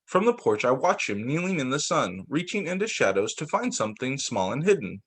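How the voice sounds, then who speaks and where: Here a man reads stories aloud to young kids as their teacher, speaking a little fast in a medium-pitched, slightly rough voice. He reads expressively, sometimes stumbling and going back over a phrase.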